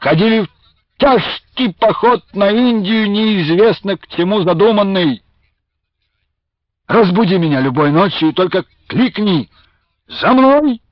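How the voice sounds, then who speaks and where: A man's voice: high voice, a little slow, no room sound, pitched above the performer's own voice. A man reading aloud and voicing a proud Cossack veteran with a firm, fervent tenor, in a dull lo-fi radio recording. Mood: fervent loyalty.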